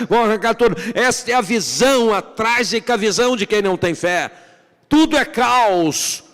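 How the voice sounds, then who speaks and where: A man preaching a sermon as pastor, impassioned, building to emphatic repetition and dropping to hushed lament when he dramatizes scripture. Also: high voice. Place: church sanctuary. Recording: long reverb of a church hall.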